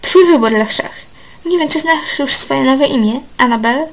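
A woman voicing a young male prince who taunts and commands, read loudly. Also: sits high, normal speed. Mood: taunting. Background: background music.

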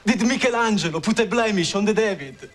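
An actor with an Italian accent playing a vain, excitable male office assistant who makes melodramatic outbursts, in a noisy 1990s TV sitcom recording. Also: high voice, a little fast, close to an everyday voice. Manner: melodramatic, self-adoring, theatrical outbursts.

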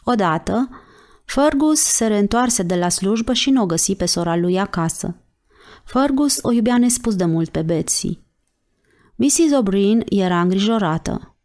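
A woman narrating an audiobook chapter in a slow, measured reading voice. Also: mid-range voice, a little mellow. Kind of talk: scripted narration.

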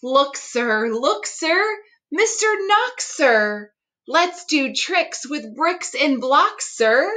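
A woman's voice: high-pitched, lively intonation, drawn-out words, sharp tone, pitched above the performer's own voice, exaggerated voice. A woman voicing a playful, cheerfully bossy male fox from a children's picture book, coaxing in a sing-song way. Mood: eager. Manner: coaxing, sing-song tongue-twister delivery.

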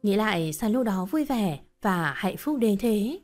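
A woman reading a short story as narrator in a steady, even storytelling voice. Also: medium pitch, measured pace, soft background music.

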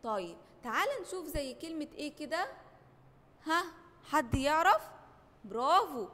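A woman's voice: high voice, sing-song, normal speed, bright, forceful tone, in a large hall. A woman with an Egyptian accent teaching a primary school lesson, asking questions and answering them herself in a call-and-response way. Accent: Egyptian Arabic. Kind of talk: children's classroom lesson.

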